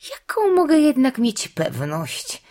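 A woman's voice: high-pitched, huge pitch swings, warm tone, pitched above the performer's own voice, full character voice. A woman voicing a cruel, gloating witch queen who drawls her words and breaks into shrieks. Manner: mocking, drawn-out, sudden shrieks.

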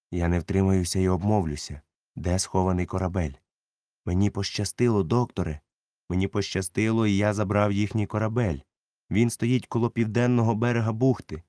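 A man's voice: on the low side, darkish tone, no echo, clean studio sound, natural voice. A man doing an earnest pleading boy. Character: honest earnest boy, cabin boy.

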